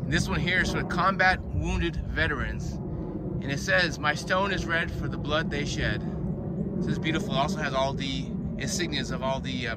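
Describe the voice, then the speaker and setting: A man speaking as a tour guide, narrating an outdoor walking tour and explaining the sights as he goes. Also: a little high. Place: outdoors in a public park. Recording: outdoor recording with urban ambient noise.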